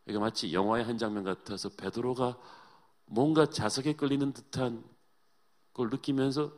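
A male pastor preaching a sermon with dramatic storytelling, swinging between hushed and emphatic delivery. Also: medium pitch.

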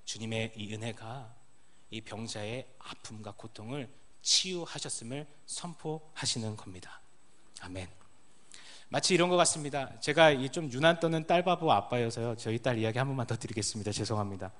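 A man's voice: lively intonation, normal speed. Male pastor preaching in story style. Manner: storytelling, dropping low and quiet at line ends. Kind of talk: sermon.

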